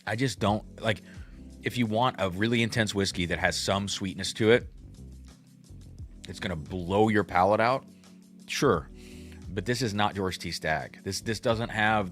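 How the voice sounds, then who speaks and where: A man's voice: low voice, unhurried, a bit bright, soft background music. A man in his thirties hosting a casual livestream tasting, thinking aloud and reacting to chat. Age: 30s. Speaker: host.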